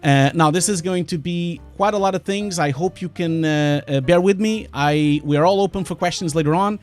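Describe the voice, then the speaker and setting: A Portuguese man in his forties, with a Portuguese accent and a fairly high voice, presents a webinar from his home studio at a moderate pace. He talks in a chatty way, interrupting himself and using lots of fillers, while soft music plays behind him.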